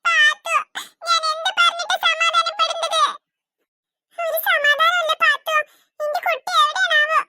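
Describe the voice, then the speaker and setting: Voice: very high-pitched, little pitch movement, unhurried, pushed and bright, no room sound, heavily acted. A performer voicing a grieving cartoon mother who laments her missing little daughter. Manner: sobbing, lamenting.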